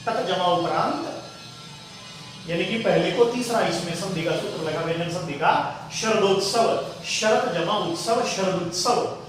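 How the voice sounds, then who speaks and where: A man's voice: sits high, normal speed, a bit bright, distant mic, soft background music. Man teaching spelling in an echoey room. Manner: explains step by step, calls students "beta". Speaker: Hindi teacher. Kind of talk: spelling lesson.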